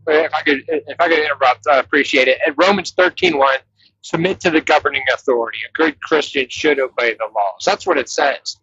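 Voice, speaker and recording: A man in an online group debate, talking insistently and quoting scripture, his voice thin and tinny with no bass, like a walkie-talkie. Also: brisk, sharp tone, slightly rough, no room sound. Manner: insistent, cites scripture, breaks in to interrupt. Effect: thin tinny headset audio with no bass, like a walkie-talkie. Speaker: debate participant. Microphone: cheap headset. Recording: dull lo-fi headset line.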